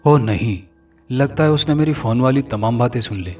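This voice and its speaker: A man plays a fatherly older man, anxious and coaxing, in a narrated horror story. The voice is at a middle pitch and a little far from the mic. Faint music runs underneath. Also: animated, normal speed, a little mellow, close to an everyday voice. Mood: worried.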